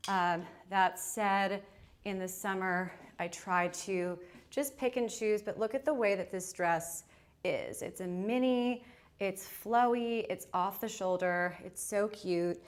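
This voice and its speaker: Out of breath, a woman hosts a live fashion shopping stream, chatting casually and upbeat with plenty of fillers. Her medium-pitched voice is slow, and she moves away from the mic as she changes outfits.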